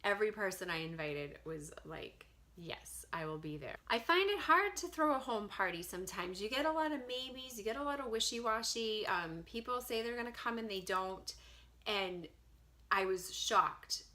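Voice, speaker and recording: A woman in her thirties who works from home, chatting to camera in an animated, storytelling way. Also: medium pitch, moderate pace. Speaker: direct sales consultant. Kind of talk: casual talk to camera.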